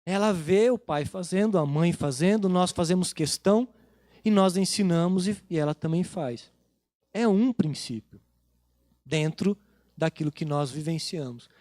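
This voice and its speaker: Man, pastor, Brazilian accent, sermon, storytelling manner, high voice, dry sound. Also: measured pace, darkish tone, no room sound. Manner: conversational storytelling, retelling family dialogues. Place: church.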